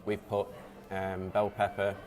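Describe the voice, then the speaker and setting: A man's voice: low-pitched, completely flat delivery, measured pace, over music. A man co-hosting a casual food chat, explaining dishes and listing ingredients with many ums. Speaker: deli co-host.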